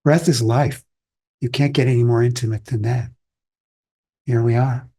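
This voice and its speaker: A man from Austria giving a calm, reflective dharma talk as a Zen teacher, unhurried and pausing often. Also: mid-range voice, gravelly.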